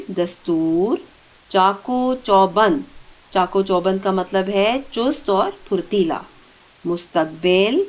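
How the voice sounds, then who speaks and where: Woman teacher dictating vocabulary. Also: on the low side. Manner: reads vocabulary words then gives meanings; slow deliberate dictation pace. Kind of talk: online school lesson.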